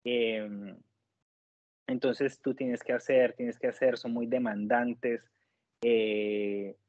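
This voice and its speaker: A man from Colombia, giving a conversational testimonial and pausing to search for his words. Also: medium pitch, flat delivery, darkish tone, no room sound, highs cut off. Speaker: nurse working in the United States, interviewee.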